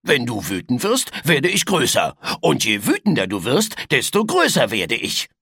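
A man voicing a boisterous angry little male creature in a storybook reading, loud, bossy and defiant. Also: medium pitch, huge pitch swings, normal speed, gravelly, slightly rough, no room sound, studio quality, exaggerated voice. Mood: cocky.

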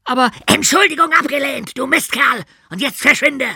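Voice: medium pitch, big pitch swings, normal speed, vocal fry, sharp tone, breathy edge, dry recording, studio quality, full character voice. A narrator voicing a furious male gym teacher who rants and bellows at kids in an audiobook. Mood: bellowing. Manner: bellowing, ranting. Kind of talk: audiobook character voice.

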